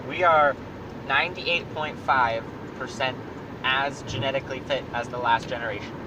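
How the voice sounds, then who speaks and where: A man of mid pitch speaks from a distance from the mic, with clear background noise, in a casual brotherly podcast. He explains a fact matter-of-factly, pausing as he goes. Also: steady tone. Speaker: podcast co-host. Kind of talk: casual chat between brothers.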